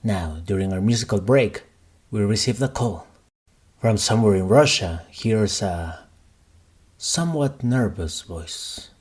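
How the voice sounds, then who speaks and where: A man playing a composed radio DJ in an audio drama, announcing songs and scripted news in a measured, solemn way. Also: lowish voice, expressive, darkish tone, husky. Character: composed post-apocalyptic radio DJ reading news.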